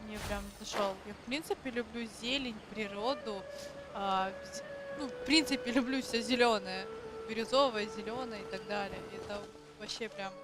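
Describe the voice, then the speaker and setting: A woman streamer giving casual, relaxed commentary while playing a game. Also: mid-range voice, normal speed. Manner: relaxed, chatty, murmured asides. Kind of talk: casual let's-play commentary. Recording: voice under loud game music.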